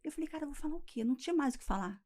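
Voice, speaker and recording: A woman's voice: high voice, lively intonation, very fast, a little mellow. A woman, a coach guest telling a personal story in a casual chat and acting out the voices of the people in it. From Rio de Janeiro, Brazil. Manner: acts out quoted voices, laughs through the telling. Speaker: weight-loss coach guest.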